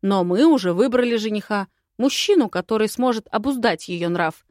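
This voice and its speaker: A woman voicing a grumpy, stubborn old male court elder who shouts and blusters in an audiobook. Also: medium pitch, expressive, moderate pace, no echo, studio quality, natural voice. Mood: blustering.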